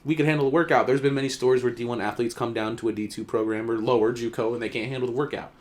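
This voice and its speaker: A young man, a college football player, co-hosting a casual podcast and telling stories in slangy talk, acting out quotes with big jumps in pitch and loudness. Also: steady tone, very fast. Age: young adult. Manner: slangy, swears freely.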